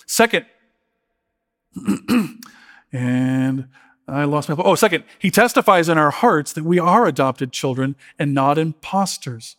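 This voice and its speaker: Man, middle-aged, pastor, sermon, earnest, emotional, restarts often, slightly high voice. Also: animated, takes it slowly, fairly bright tone.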